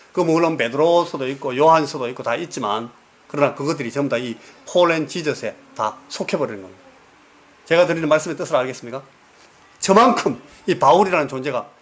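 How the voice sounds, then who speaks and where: Korean pastor preaching, slightly high voice. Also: male voice, a little fast. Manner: storytelling, asks the congregation questions; repeats words for emphasis. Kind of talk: sermon.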